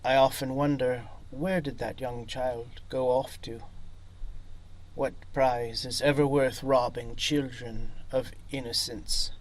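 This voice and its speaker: A man voicing a solemn, regretful former German soldier in a read-aloud story, speaking slowly and gravely. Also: mid-range voice, fairly even intonation, natural voice, low-quality recording. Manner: slow, grave, measured.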